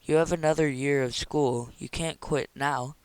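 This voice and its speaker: A man's voice: a little high, steady tone, normal speed, clean tone, dry recording, lightly acted. A man reading aloud voices a stern, proud old grandmother with a commanding, scolding manner. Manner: imperious, scolding.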